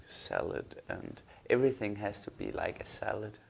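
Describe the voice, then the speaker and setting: A man's voice: on the low side, normal speed, creaky, a little hiss or hum. A Danish man co-hosting a podcast in casual, playful chat. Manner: playful, bursts into loud laughter. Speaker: podcast co-host.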